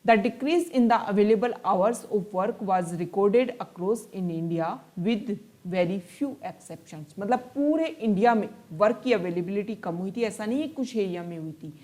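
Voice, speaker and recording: Woman tutor, mid-pitched, newspaper analysis lesson: slow read-outs in English, patient explanations in Hindi. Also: expressive, a little mellow. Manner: reads English passages slowly, then explains in Hindi; explanatory, repeats and rephrases points. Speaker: exam-prep tutor.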